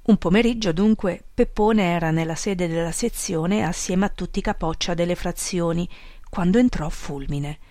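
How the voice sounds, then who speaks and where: A woman narrating an audiobook in a measured, wry storytelling manner. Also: on the low side, mellow, dry recording, clean studio sound. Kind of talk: audiobook reading.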